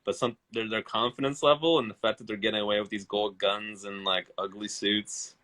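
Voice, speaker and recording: A man's voice: lowish voice, steady tone, brisk, pushed and bright. A man in his thirties chatting on a live stream as a guest, rambling and enthusiastic with casual swearing. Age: 30s.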